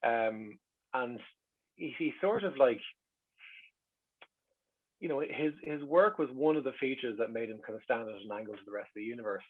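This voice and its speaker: This Irish man in middle age speaks at a normal pace with a medium pitch, a breathy edge, and long pauses. As an interview guest, he tells rambling, casual stories in a wry, self-deprecating way, captured on a slightly lo-fi recording.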